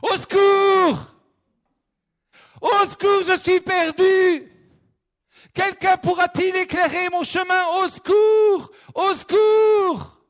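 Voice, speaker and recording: A man acting out a frightened lost male hiker who cries for help in a shrill, frantic voice during a sermon parable. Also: unhurried. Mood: panicked.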